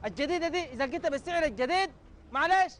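Sudanese man, quick insistent lecturer, high voice, light noise. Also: animated, fairly bright tone. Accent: Sudanese Arabic. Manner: argumentative, lecturing, rapid insistent. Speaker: comic actor playing a customer. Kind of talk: Sudanese comedy sketch.

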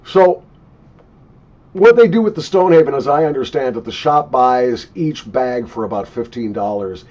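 An older man talks through a casual review with lots of swing in his pitch. His voice is husky and emphatic, and he sounds opinionated. The recording is a dull webcam capture from a home office desk. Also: lively intonation, moderate pace, darkish tone. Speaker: pipe tobacco reviewer. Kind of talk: casual unscripted product review. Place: small cluttered home office, indoors.

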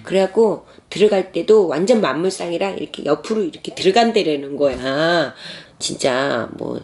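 무속인인 중년 여성이 캐주얼하게 경험담을 들려주며 대사를 흉내 낸다. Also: female voice, lowish voice, moderate pace. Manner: lively retelling with acted quotes. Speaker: shaman storyteller. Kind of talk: casual storytelling.

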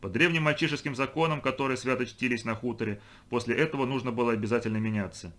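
A man reading a storybook aloud as narrator, expressive, lifting his voice for the children's lines. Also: medium pitch, quick pace. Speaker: audiobook reader. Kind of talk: scripted narration.

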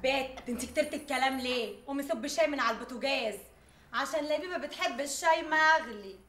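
An actress playing a bossy, sharp-tongued woman, speaking with an Egyptian accent in a scolding way. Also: sits high, fast talker, echoey room, a little hiss or hum. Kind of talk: TV drama acting.

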